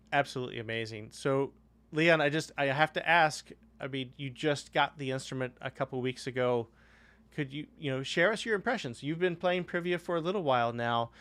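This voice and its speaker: A male host at a live event praises a performance and asks the guest for his impressions. His voice is smooth and clear, and his questions wander loosely. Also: medium pitch, fairly bright tone. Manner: effusive, rambling questions.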